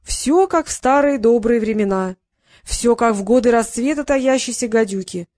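A woman reading the lines of an excitable male teacher at an assassin school, gushing and theatrical. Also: on the high side, normal speed, no echo, lightly acted. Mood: gleeful.

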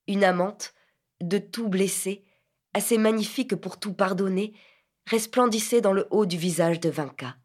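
A woman narrating a literary novel as an audiobook reader, measured and softly expressive. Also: medium pitch.

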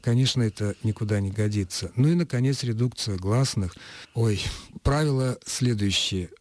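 A man's voice: on the low side, moderate pace, darkish tone, no room sound. A man speaking as a language expert on a radio talk show, explaining rules of pronunciation in a precise, lecturing way with touches of dry humor. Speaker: linguistics expert guest.

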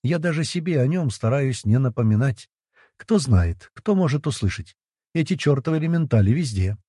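A cocky nobleman plotting in a storybook, his voice pitched up and swinging lively, played by a male narrator. The tone is husky and dark, recorded dry. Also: normal speed, no room sound. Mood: smug. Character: cocky scheming nobleman, male, middle-aged.

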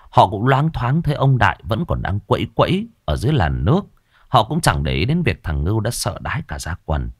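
Lively low-voiced man telling a ghost story. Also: no echo, clean studio sound.

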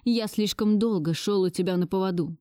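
A woman's voice: mid-range voice, brisk, warm tone, no room sound, studio quality, lightly acted. A woman voicing a defiant young man who bitterly stands up to his grandmother. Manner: bitter, resolute outbursts. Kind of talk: audiobook dialogue reading.

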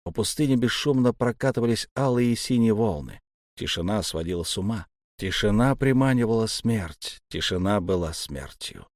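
A man's voice: fairly low pitch, animated, normal speed, no echo. Male audiobook narrator, dry sound. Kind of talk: scripted narration.

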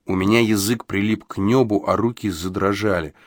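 Low-voiced male audiobook narrator. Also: fairly even intonation, moderate pace, dry recording, studio quality. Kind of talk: scripted first-person narration.

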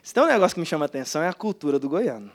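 Man, Goiás accent, pastor preaching, high voice, very lively pitch, storytelling. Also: rapid-fire. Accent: Goiás Portuguese. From Goiás, Brazil. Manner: animated storytelling with mimicked dialogue. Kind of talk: sermon.

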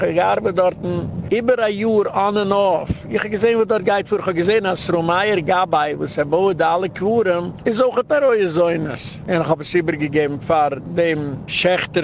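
Male rabbi, gravelly and a bit high, rambling lecture over faint traffic rumble. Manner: digressive storytelling, repeats words for emphasis. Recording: faint vehicle rumble behind.

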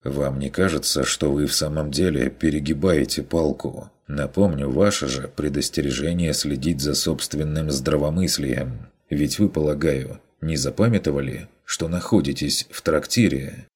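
A man's voice: a bass voice, normal speed, few pauses, darkish tone, slightly rough. A man voicing a formal nobleman who reproaches with hesitant strictness. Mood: reproachful.

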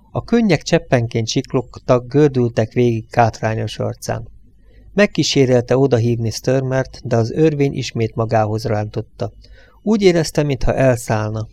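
A man reading an audiobook in a calm, measured narrating voice. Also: mid-range voice, vocal fry.

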